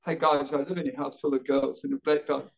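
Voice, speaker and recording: A New Zealand-accented jiu-jitsu coach in his late fifties guests on a podcast, his gravelly, medium-pitched voice running a bit fast. The chat is casual, with lively storytelling and frequent stammered repetitions, and the sound is lo-fi.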